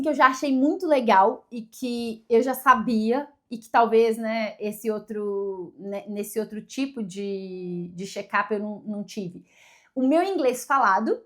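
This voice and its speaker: Brazilian woman, native portuguese, rambly casual vlog chat, kinda high voice. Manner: chatty, self-deprecating, lots of fillers and restarts. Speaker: vlogger. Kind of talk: casual talking-to-camera vlog.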